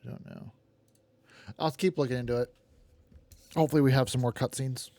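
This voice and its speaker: Male game streamer, casual and relaxed, gravelly edge, mouse clicks in the background. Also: medium pitch, brisk, no room sound. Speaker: streamer playing a wrestling video game. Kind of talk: casual gaming stream commentary.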